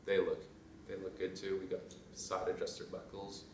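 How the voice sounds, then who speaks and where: A young man, a fashion design student, chatting casually in a vlog, rambling and trailing off into quiet asides. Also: low voice, monotone, normal speed, far from the mic, a little hiss or hum. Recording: roomy sound from off mic, faint ambience.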